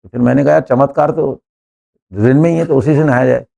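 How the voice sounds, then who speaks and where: A man's voice: mid-range voice, fairly even intonation, a little fast, creaky, dark tone, lo-fi sound. A man teaching an English class, joking and quizzing students one by one.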